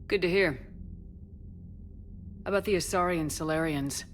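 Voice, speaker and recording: A determined female military commander played by a woman, with a notably low voice and clipped, controlled phrasing. It is game cutscene dialogue over faint noise. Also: moderate pace, close to an everyday voice. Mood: businesslike. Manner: terse, controlled, questioning. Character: steady, determined female navy commander and war hero. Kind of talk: scripted video game acting.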